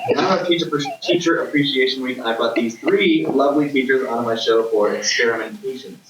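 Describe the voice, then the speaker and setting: A man's voice: medium pitch, a little fast. Teen boy hosting a mock game show. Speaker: game show host, student. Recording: echoey room, far mic, noisy.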